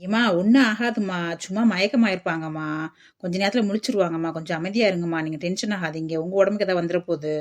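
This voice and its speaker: Quick gentle-voiced woman. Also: on the low side. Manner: gentle, soothing. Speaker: daughter. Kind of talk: comic skit.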